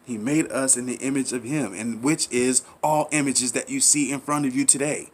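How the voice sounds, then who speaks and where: In a steady, medium-pitched voice at a moderate pace, a man who hosts a commentary channel gives an impassioned monologue. He preaches and rambles, repeating himself, firing off rhetorical questions and using casual slang to urge listeners.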